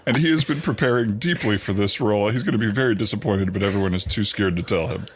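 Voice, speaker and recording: A man's voice: on the low side, fast talker, breathy edge. A man playing a jokey golf commentator in a parody sports broadcast.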